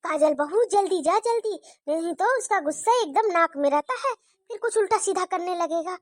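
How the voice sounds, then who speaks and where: A woman's voice: very high voice, animated, moderate pace, dry recording, clean studio sound. A woman voicing a fond, worried older mother-in-law in a cartoon story, fussy and chatty.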